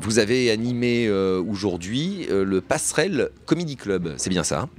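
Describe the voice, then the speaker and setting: Brief: rambling, playful live-radio host, low voice, faint crowd murmur around. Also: male voice, animated, moderate pace, slight background noise. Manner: chatty, rambling, playful with many fillers. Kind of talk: live community radio hosting. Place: outdoors at a neighbourhood fête. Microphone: radio studio mic set up outdoors.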